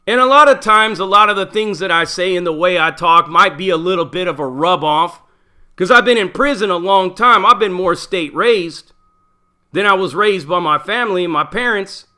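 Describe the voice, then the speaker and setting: A man's voice: sits high, normal speed, sharp tone. A middle-aged man, a former prisoner, talking bluntly in a casual monologue full of profanity and street slang. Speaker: channel host, former prisoner.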